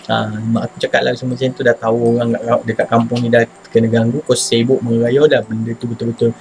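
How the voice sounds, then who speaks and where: Malaysian man, casual ghost-story teller, fast and slangy, acts out his own shouts. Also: mid-range voice, flat delivery, a little hiss or hum, low-quality recording. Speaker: channel host telling a personal ghost story.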